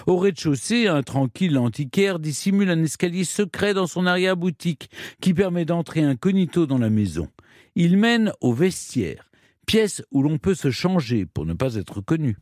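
A man telling a history story in measured, scripted narration with dramatic pauses. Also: fairly high pitch, a little mellow, no room sound, clean studio sound.

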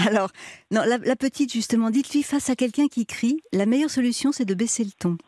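Woman, radio advice host, mellow voice, dry studio sound, calm, explains patiently. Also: fairly high pitch, a little fast, dry recording. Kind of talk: giving advice on a call-in show.

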